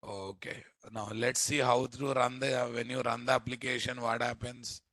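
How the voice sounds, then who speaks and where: A man's voice: medium pitch, little pitch movement, moderate pace, a bit bright, no room sound. An Indian-accented man teaching programming in a live coding lecture, repeatedly quizzing his listeners with questions. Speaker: programming instructor.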